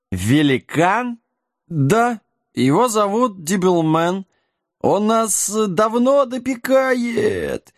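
Male reader as a stammering, frightened little gnome, pitched way up. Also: dry recording, studio quality, exaggerated voice. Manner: stammering, drunkenly tongue-tied.

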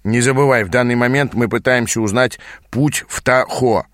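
A gruff male demon mentor grumbles at his apprentice, as a man puts him on. The voice growls with impatience, recorded dry and close for a storybook. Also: mid-range voice, moderate pace, fairly bright tone, no echo, lightly acted. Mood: grumbling.

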